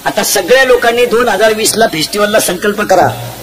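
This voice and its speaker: A man preaching a humorous devotional sermon, punchy and jokey, quizzing the crowd with sharp calls. He speaks into a stage mic at an outdoor gathering. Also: high-pitched, brisk, loud music behind the voice. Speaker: kirtan preacher. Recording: loud crowd and heavy background noise.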